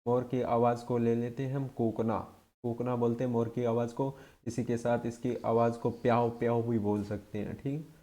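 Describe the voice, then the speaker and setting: A man's voice: mid-range voice, dark tone. A man teaching an exam-prep lesson, drilling his points by asking questions and answering them himself.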